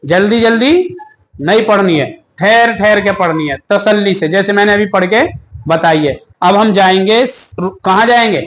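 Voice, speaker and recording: High-voiced man teaching prayer, slow and deliberate. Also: fairly bright tone, slight background noise. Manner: asks questions and answers them himself, recites slowly with pauses. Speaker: religious teacher. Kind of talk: step-by-step prayer lesson.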